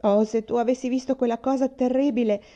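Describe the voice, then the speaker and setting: A woman's voice: a little high, fairly even intonation, quick pace, warm tone, pitched above the performer's own voice, close to an everyday voice. A woman reading aloud, voicing an earnest, defensive young girl who protests with a wounded tone. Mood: upset.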